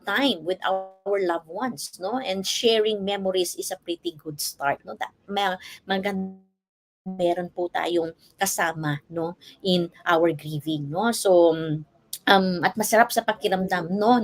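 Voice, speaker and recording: A woman with a Filipino accent, a life coach giving advice on a live stream, switching between English and Tagalog and checking in with frequent tag questions. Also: mid-range voice. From Philippines. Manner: mixes English and Tagalog, tag questions after nearly every phrase.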